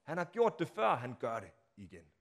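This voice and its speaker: A man preaching a sermon, telling the story dramatically, acting out the crowd's shouts and asking the listeners rhetorical questions, swinging from hushed to loud. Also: mid-range voice, sing-song. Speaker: pastor. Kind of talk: Palm Sunday sermon.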